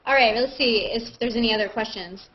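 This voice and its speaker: Over dull, noisy web call audio, a woman with a fairly high voice speaks fairly quickly as the playful host of a live online hangout. She keeps the group chat casual and laughs easily.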